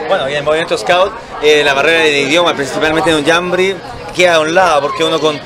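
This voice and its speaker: A man's voice: a little high, fairly even intonation. A man in his thirties with a Chilean accent, roving reporter interviewing scouts on a handheld mic. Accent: Chilean Spanish. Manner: upbeat, affirming with quick "excelente". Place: outdoor camp and crowded tent stand. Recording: busy crowd noise behind.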